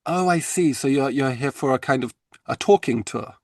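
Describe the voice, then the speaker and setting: A man's voice: mid-range voice, normal speed, dry recording. Polite man hosting an architecture podcast. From Britain. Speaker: podcast host. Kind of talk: interview conversation.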